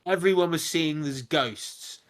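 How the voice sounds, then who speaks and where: A man with a somewhat high-set voice chatting casually as a podcast co-host. He tosses in sardonic, quick asides. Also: a bit bright. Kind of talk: casual chat.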